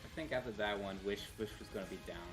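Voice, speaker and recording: A man's voice: fairly low pitch, fast talker. A man chatting casually as a tabletop player, often repeating his words as he goes. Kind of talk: casual game-table chat. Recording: music clearly audible behind the voice.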